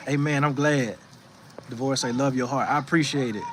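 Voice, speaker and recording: On his outdoor porch in a rocking chair, a man runs a faith livestream at normal speed, his medium-pitched voice fairly even and a bit bright. He reads the chat and offers relaxed spiritual encouragement, preachy but conversational, full of restarts and "you know what I'm saying." There's slight background noise.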